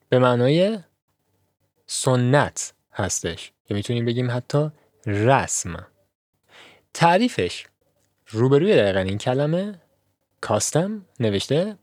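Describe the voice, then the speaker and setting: A male English teacher walks through textbook vocabulary, spelling each word slowly and repeating it for his students. His pitch rises and falls in a lively way, and the close, dry recording has no room sound. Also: no echo. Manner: spells words slowly and repeats them for learners; switches between Persian explanation and slow English reading.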